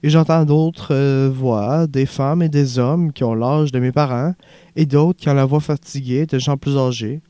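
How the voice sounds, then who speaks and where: In an audiobook, a man voices a young refugee who is haunted yet earnest, softly confiding his story. His mid-range voice is smooth, resonant, dark and mellow, natural, with fairly even intonation and a slightly slow pace. The recording is close, dry and echo-free.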